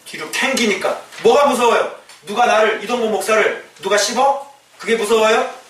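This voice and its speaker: A man preaching as a pastor, lively and emphatic, who shouts out quoted lines and fires rhetorical questions at the congregation. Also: high voice, normal speed, a little hiss or hum. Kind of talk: sermon. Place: church sanctuary. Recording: echoey church hall mic at a distance.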